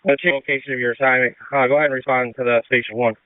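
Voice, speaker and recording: A man's voice: mid-range voice, flat delivery, very fast. A man directing crews as a fireground officer in terse, procedural firefighter radio talk over a two-way radio. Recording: muffled narrow-band two-way radio.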